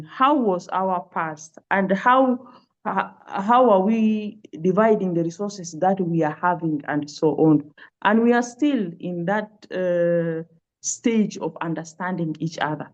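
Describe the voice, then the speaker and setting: A woman from South Sudan answering interview questions on a webinar, hesitant and searching for words. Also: medium pitch. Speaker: pastoral care and trauma healing worker. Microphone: video call. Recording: dull lo-fi call audio.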